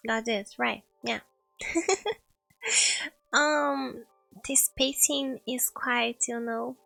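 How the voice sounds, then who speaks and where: Woman, streamer, casual chat reading game dialogue, giggly, stumbles over words, slow, dry close sound, soft music behind. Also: a little high, creaky, dry recording, poor audio. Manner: giggly, trips over words and laughs at herself. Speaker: streamer playing a story game.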